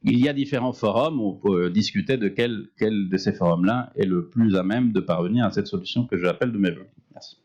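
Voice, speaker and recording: A man speaking deliberately and emphatically as a panel analyst at a public conference, stretching key words. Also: on the low side, a little mellow, muffled recording.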